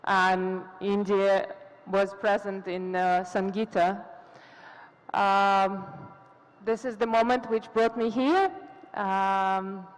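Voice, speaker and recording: A woman's voice: mid-range voice, fairly even intonation, takes it slowly. A woman from Kazakhstan telling a personal story on a conference panel, reflective and hesitant. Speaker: panel speaker. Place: conference hall stage. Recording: long reverb of a large hall.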